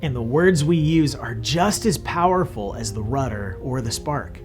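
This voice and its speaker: A man's voice: medium pitch, expressive, normal speed, faint music behind. A man hosting a church kids' show, explaining a lesson to children in a friendly way. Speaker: host.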